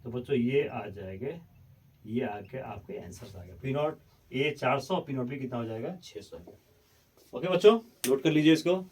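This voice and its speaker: A man's voice: medium pitch, expressive, normal speed, a little mellow, breathy edge. A man teaching a chemistry lesson, working through problems step by step, coaxing his students and drifting away from the mic as he writes. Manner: addresses students as children, coaxing and repetitive; moves away from the mic while writing, voice fading in and out. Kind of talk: blackboard lecture solving problems. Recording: voice from a distance, faint room noise.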